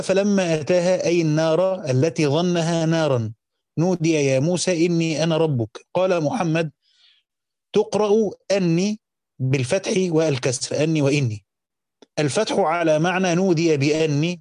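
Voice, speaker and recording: Egyptian male teacher, fairly high voice, dry close sound; formal text reading broken by casual explanations. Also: a little mellow, no echo. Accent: Egyptian Arabic. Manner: switches between careful classical reading and casual colloquial asides. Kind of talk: reading a classical text aloud with spoken commentary.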